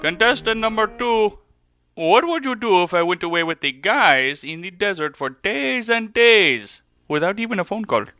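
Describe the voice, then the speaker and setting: A man's voice: high-pitched, animated, normal speed, bright, forceful tone, no echo, clean studio sound, faint music behind, full character voice. A man playing a touchy, imperious terrorist bachelor on a parody dating show. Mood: polite, hesitant. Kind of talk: comedy sketch acting.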